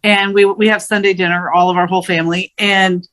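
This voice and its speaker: A woman's voice: medium pitch, level tone, a little fast, a bit bright, poor audio. A middle-aged woman co-hosting a casual interview, asking open questions and telling family stories in a chatty way. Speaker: podcast co-host.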